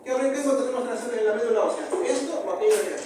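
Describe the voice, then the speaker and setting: Peruvian male professor, high-pitched, repeats terms and quizzes the class; distant, reverberant classroom audio. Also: rapid-fire. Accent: Peruvian Spanish. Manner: repeats key terms, asks the class rhetorical questions. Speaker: histology professor. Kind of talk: university lecture. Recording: very echoey room, far from mic, noisy.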